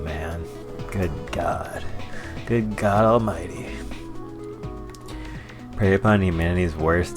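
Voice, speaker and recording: Very deep, unhurried male gaming commentator. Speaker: gaming playthrough host. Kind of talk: casual gameplay commentary.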